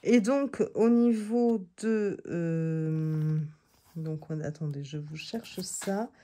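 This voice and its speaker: A woman's voice: deep voice, drawn-out words, dark tone. A woman chatting casually as she reviews tarot decks, often hesitating and restarting, and reading card texts aloud. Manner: hesitant, many fillers and restarts. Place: seated indoors on a creaky chair.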